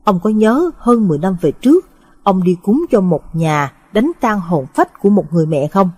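A woman voicing a vengeful but remorseful young male ghost, speaking flatly and heavily. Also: medium pitch, normal speed, breathy edge. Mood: heavy.

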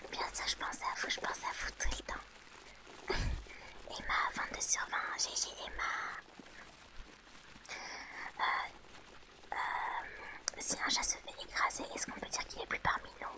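A woman whispering softly to her audience in ASMR style, reading out chat names and answering them gently. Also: measured pace, long pauses. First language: French.

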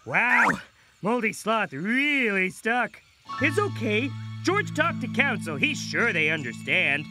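A man voicing a friendly, dim-witted cartoon jungle strongman who talks in simple, broken caveman grammar over loud music. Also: high voice, very animated, slow pace, exaggerated voice. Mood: simple, earnest. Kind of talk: cartoon voice acting.

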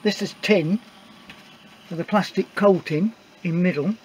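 High-voiced man demonstrating a workshop build. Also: measured pace, darkish tone, a little hiss or hum, rough recording. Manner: rambling, plain-spoken, frequent uhs and restarts. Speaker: DIY maker showing a build. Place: workshop indoors. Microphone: camera mic, filming own hands off-camera.

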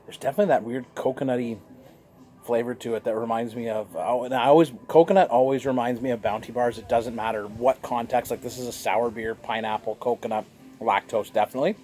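Speaking fast in a mid-range voice, a jovial man chats his way through a beer review for his vlog. He sits on a sunny outdoor patio, gesturing animatedly, while a fixed camera records him from across the table.

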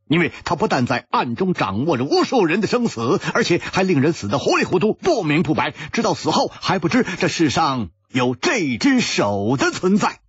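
A storyteller voicing a calm, wise swordsman hero. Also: on the high side, normal speed, hardly any pauses, slightly rough, no room sound, muffled recording, voice pushed up, exaggerated voice. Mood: grave. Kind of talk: pingshu storytelling.

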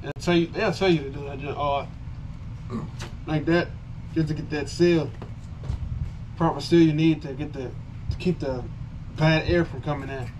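A man's voice: on the high side, fairly even intonation, normal speed, pauses often, darkish tone. A man speaking through a gas mask in a laid-back, rambling way as he shows off gear. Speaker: vlogger reviewing gear. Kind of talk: casual product demo. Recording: distant mic with clear background noise.

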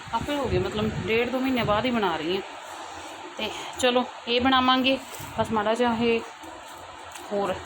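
A woman's voice: a little high, background noise. A young woman and mother chatting casually to her viewers at home in a daily vlog, talking loosely in long run-on sentences. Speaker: family vlogger, mother. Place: at home, indoors.

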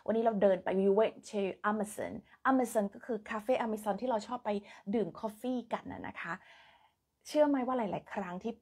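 A woman's voice: on the high side, normal speed, a little mellow, breathy edge. A Thai woman with a Thai accent giving a casual live-streamed English lesson into a phone camera, chatting and drilling words by repetition.

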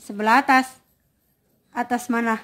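A woman's voice: on the high side, steady tone, normal speed, fairly bright tone. A young woman from Brebes in Java, a caregiver patiently repeating her questions in casual chat. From Brebes, Central Java, Indonesia.

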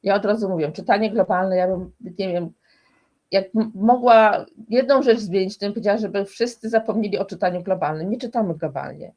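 A woman's voice: mid-range voice, brisk, a little mellow. A woman speaking as a guest expert in a conversational interview, explaining emphatically and restarting often.

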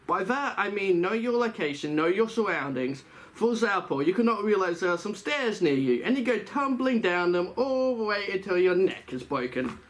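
A man's voice: high-pitched, very animated, moderate pace. A man giving casual tips to the camera, talking through a costume head in a chatty, rambling way that often corrects itself. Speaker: fursuit vlogger.

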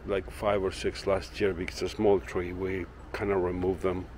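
Talking at normal speed in a voice that sits low, a man gives a casual walking tour of his backyard garden and indoor workshop for his woodworking channel. He holds the camera himself and rambles comfortably, full of fillers, with slight background noise.

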